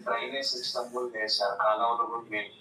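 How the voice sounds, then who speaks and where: A man's voice: mid-range voice, flat delivery, quick pace, sharp tone, echoey room, distant mic, rough recording. A man in his forties phoning in to a call-in program, earnestly and politely describing his complaint. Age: 40s. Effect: phone-in caller heard over the line. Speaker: phone-in caller.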